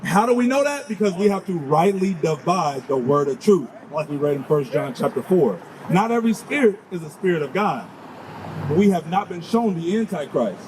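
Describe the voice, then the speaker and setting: A man's voice: on the high side, sing-song, moderate pace, darkish tone, slight background noise, poor audio. A man preaching on a city street, firing questions at his listeners and urging them on with 'come on'.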